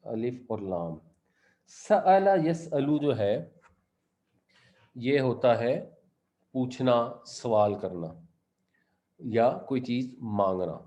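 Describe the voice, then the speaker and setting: A man's voice: medium pitch, animated, extremely slow, pauses often, warm tone. A man giving a Quran commentary lesson, reciting verses and then explaining their grammar step by step. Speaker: Quran teacher.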